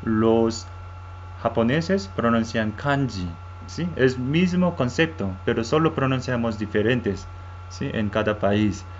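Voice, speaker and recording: A man whose first language is Korean, teaching a language lesson in Spanish with a halting style, repeating words and often checking "¿sí?". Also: mid-range voice, animated, dull audio, slight background noise.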